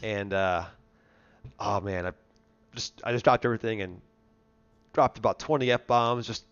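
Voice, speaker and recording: Unhurried and fairly low, this man's voice comes across a bit bright, clear and resonant, though still congested, nasal and worn. He's hosting a live car show, chatting and telling stories casually, with dull, lo-fi stream sound.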